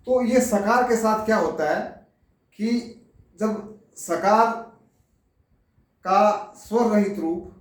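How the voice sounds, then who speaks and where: A man with a fairly high voice gives a slow, deliberate lecture, taking the words one at a time and turning to his listeners as he explains. He sounds far from the mic, and the room around him echoes heavily. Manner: deliberate, explains word by word, addresses listeners directly. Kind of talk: slow classroom lecture on pronunciation.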